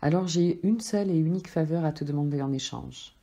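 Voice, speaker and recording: A woman voicing a gentle, loving soul that speaks softly and patiently. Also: deep voice, fairly quick, creaky. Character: gentle, loving friendly soul, calm and tender.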